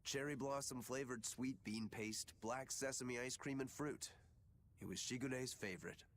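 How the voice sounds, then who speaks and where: An actor playing a calm, plain-spoken young swordsman in a video game. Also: mid-range voice, normal speed, slight background noise, lightly acted.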